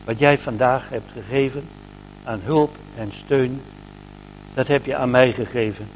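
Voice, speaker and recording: A man voicing a calm, solemn heavenly voice in a storybook. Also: medium pitch, a little slow, soft background music, natural voice, low-quality recording. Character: calm, gentle heavenly male voice.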